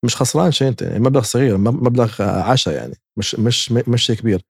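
A man speaks at a breakneck pace, giving emphatic advice as an interview guest. His voice has a husky edge, and the recording is dry and close. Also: mid-range voice, animated, rapid-fire, dry recording. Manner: emphatic, acts out other people's words. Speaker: guest investor.

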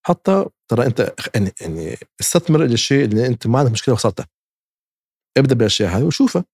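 Brief: male guest, rapid and emphatic, slightly husky, dry close sound. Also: mid-range voice, very animated, a little mellow, no echo. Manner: emphatic, acts out other people's words. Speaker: guest investor. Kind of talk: casual interview advice.

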